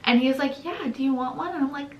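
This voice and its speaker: A young woman co-hosting a channel, telling a story in a casual, animated way, acting out quotes and laughing often. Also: sits high, quick pace, lo-fi sound. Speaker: channel co-host. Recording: echoey room.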